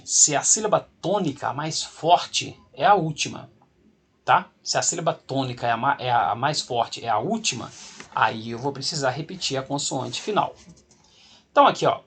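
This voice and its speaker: A man's voice: fairly high pitch, breathy edge. A man teaching English grammar in a video lesson, speaking with a Brazilian Portuguese accent, patiently explaining step by step and repeating the rules.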